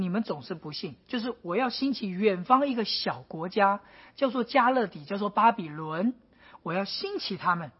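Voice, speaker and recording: A woman's voice: mid-range voice, breathy edge. A woman preaching a sermon, acting out pleading prayers with dramatic intensity. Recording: dull lo-fi recording.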